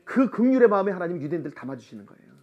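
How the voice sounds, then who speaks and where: A middle-aged man preaching at a church seminar, animated and laughing often, calling out for amens. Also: sits high, racing, lo-fi sound, soft background music. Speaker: missionary seminar speaker. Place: church sanctuary.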